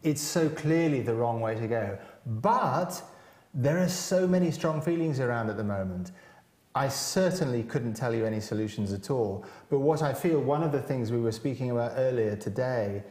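A British cellist in his forties, a guest on a panel, speaks thoughtfully at a moderate pace in a medium-pitched voice, gesturing animatedly with his hands. The conversation takes place in a large hall with high windows, and the recording echoes.

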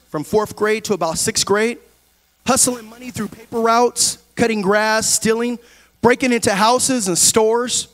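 A middle-aged man preaching a sermon in a large church, on a handheld mic, dropping low and quiet and then rising to shouted preaching. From California. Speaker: pastor.

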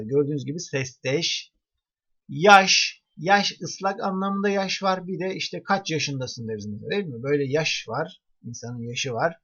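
A man's voice: fairly high pitch, fairly bright tone. A male teacher giving an online grammar lesson, explaining step by step and asking the class rhetorical questions. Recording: dull lo-fi recording.

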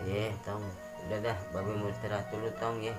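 A man's voice: fairly low pitch, level tone, fairly quick, over loud music, pitched above the performer's own voice, lightly acted. A man voicing a tired, resigned old village father. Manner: resigned, grumbling.

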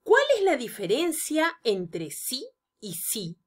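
A woman narrating a scripted grammar lesson, explaining each example slowly and deliberately. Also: high voice, very animated, slightly rough. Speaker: teacher.

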